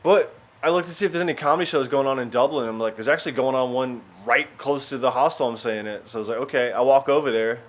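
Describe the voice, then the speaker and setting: A man's voice: mid-range voice, fast talker. A young man vlogging his travels in a wry, rambling, self-mocking way. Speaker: travel vlogger and stand-up comedian. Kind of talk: casual vlog chat.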